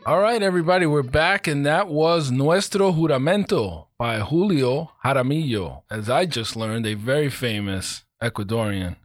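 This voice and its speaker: A man's voice: medium pitch, lively intonation, normal speed, few pauses, dry recording, clean studio sound, soft background music. A man hosting a podcast, chatting casually about football and welcoming a guest. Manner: easygoing, chuckling, sports banter. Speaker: podcast host. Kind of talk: casual chat. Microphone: studio microphone.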